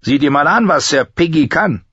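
A man voicing a cold, sneering middle-aged male master-at-arms with a sharp, booming voice and a mocking manner. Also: expressive, normal speed, breathy edge, dry recording, dull audio. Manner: mocking, contemptuous.

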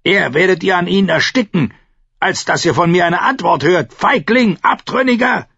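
A bleeding young captive, furious, high and raw. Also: male voice, moderate pace, gravelly, husky, dry recording, heavily acted. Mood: furious defiant. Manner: shouting insults, raw and spitting. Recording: dull lo-fi audiobook recording.

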